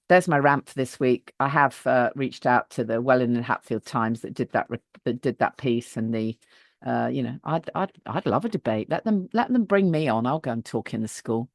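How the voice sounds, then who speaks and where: A woman's voice: extremely low pitch, no echo, studio quality. A woman hosting a podcast, chatting casually and often repeating words as she thinks. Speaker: podcast host.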